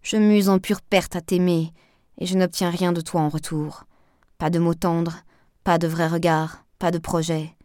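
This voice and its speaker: Brief: woman narrator doing an intense, reproachful young woman in love, a touch higher and louder, dry close sound. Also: level tone, measured pace, no echo, lightly acted. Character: jealous young woman pleading with her lover.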